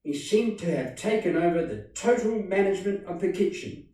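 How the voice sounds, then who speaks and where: A man reads a story aloud slowly and deliberately, in a mellow, slightly high voice. He sounds distant from the mic in a very echoey room. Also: lively intonation. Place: studio.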